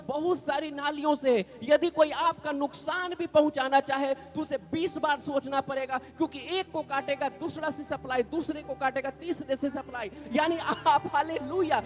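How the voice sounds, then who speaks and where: Pastor guy preaching slow and high, has the church repeat after him, soft music under. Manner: repetitive call-and-response preaching, has congregation repeat declarations. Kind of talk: sermon.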